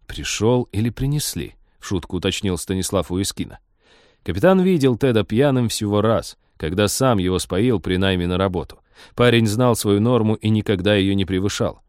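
A man narrating an audiobook with expressive, lively reading. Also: lowish voice, no room sound, studio quality. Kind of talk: scripted narration.

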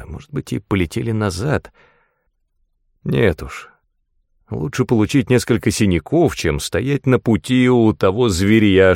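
A man reading a first-person fantasy audiobook in a measured, expressive storytelling manner. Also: on the low side, no room sound, clean studio sound. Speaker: audiobook narrator.

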